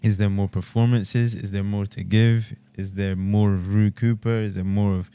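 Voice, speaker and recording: Laid back guy hosting a podcast, low mellow voice, repeats himself a bit, casual. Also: moderate pace, clean tone. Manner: relaxed, easygoing, repeats his words as he starts sentences. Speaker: podcast host. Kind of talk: casual conversation.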